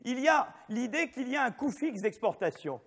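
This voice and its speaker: High-voiced man lecturing in a reverberant hall. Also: big pitch swings, moderate pace, a bit bright, husky. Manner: digressive, many restarts and asides, checks in with "vous voyez"; jokey, self-mocking asides. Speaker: professor giving a lecture. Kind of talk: spontaneous university lecture.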